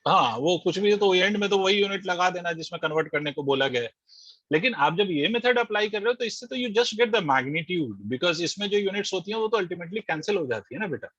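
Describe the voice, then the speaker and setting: A man's voice: sits high, lively intonation, brisk, a bit bright, no echo. A man teaching physics in an online class, working through the steps and quizzing his students as he goes. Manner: explains step by step, quizzes students, mixes English terms into Hindi. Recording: dull lo-fi dry audio.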